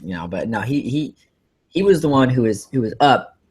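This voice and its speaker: Husky rambling man on a podcast. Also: mid-range voice, moderate pace. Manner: excitable, rambling with many fillers and restarts. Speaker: podcast host. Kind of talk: casual podcast chat.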